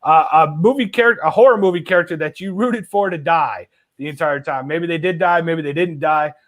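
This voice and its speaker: A man's voice: a little high, brisk, a bit bright. A man hosting a casual live stream, reading viewer comments aloud with many "uh" fillers. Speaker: host.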